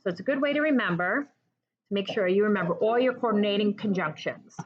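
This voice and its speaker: A woman's voice: mid-range voice, expressive, a little fast, muffled recording, slight background noise. A woman tutoring children in an online class, cheerful and encouraging, breaking into memory songs. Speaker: homeschool tutor.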